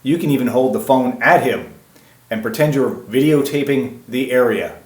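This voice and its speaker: A man delivers an emphatic self-defense lesson, setting up rhetorical questions and answering them himself. His voice sits in a middle pitch. The room around him is noticeably echoey. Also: moderate pace. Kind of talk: instructional presentation.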